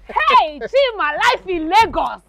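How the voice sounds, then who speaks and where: A woman playing an excitable, outspoken young wife in a film drama, exclamatory, with a Nigerian Igbo accent. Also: extremely high pitch, slow pace, creaky, highs cut off, crowd noise, full character voice. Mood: overjoyed. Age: young adult.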